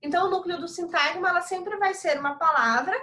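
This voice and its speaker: A woman's voice: very high-pitched, a little fast, pushed and bright, poor audio. A Brazilian woman teacher giving a recorded online lesson, explaining step by step and checking in with frequent tag questions. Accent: Brazilian Portuguese. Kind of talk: recorded online class lecture.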